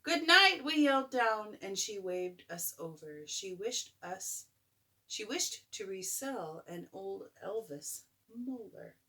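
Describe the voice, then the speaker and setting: An older woman, a grandmother, reading a bedtime story aloud in an expressive, playful way, as if to a child. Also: mid-range voice, slow pace, poor audio. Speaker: grandmother reading a picture book. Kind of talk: bedtime story read-aloud with chatty asides.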